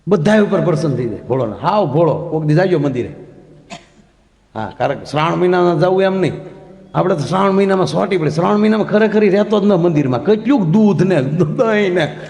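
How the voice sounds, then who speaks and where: High-voiced storyteller man in echoey hall. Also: brisk. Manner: animated, acts out quoted characters, laughs along. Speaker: folk comedy storyteller. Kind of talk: comic storytelling on stage. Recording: echoey hall, long reverb.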